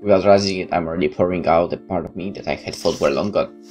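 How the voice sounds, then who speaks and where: Here a let's player talks fast in a low-pitched voice with a somewhat dark tone. He reads the game's narration aloud over game music and mixes in his own commentary, with no camera.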